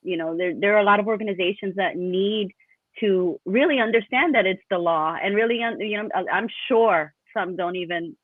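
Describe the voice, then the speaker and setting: A woman's voice: mid-range voice, moderate pace, dry recording. Effusive woman host on a tinny phone line. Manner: effusive, thinks aloud with many restarts. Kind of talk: casual interview chat.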